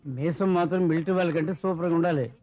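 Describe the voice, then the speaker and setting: A man's voice: a little high, fast, dull audio, natural voice. An actor playing a boastful, vain man who swaggers and brags about his moustache. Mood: swaggering.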